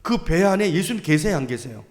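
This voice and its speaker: A man's voice: on the high side, lively intonation, fairly quick, darkish tone. A male pastor preaching a sermon, pressing the congregation with repeated questions and emphatic calls to faith. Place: church sanctuary. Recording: long church hall reverb.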